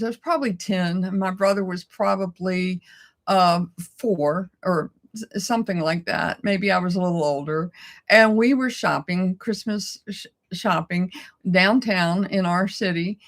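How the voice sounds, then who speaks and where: A woman's voice: mid-range voice, a little slow. A middle-aged woman co-hosting a casual chat, telling a personal story in an emotional way and laughing often. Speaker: co-host.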